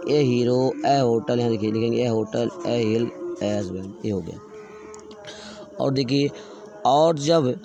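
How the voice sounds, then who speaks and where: A man's voice: a little high, darkish tone. Man teaching, spelling words aloud. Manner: slow, repetitive, spelling words out letter by letter. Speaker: English grammar teacher. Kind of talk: classroom grammar lesson.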